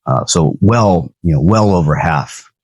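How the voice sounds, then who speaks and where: A man's voice: low-pitched, expressive, unhurried, a little mellow, no echo. A man hosting a church's Sunday night video, talking earnestly in a casual sermon style with many fillers and restarts.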